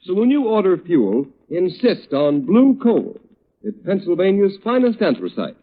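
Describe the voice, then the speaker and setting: An old radio serial announcer with a high, very animated voice. He is dramatic, emphatic and persuasive. The sound is thin and narrow, like a 1930s broadcast. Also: measured pace, full character voice. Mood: earnest selling. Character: urgent, persuasive male announcer of a mystery serial. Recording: thin, band-limited old radio recording.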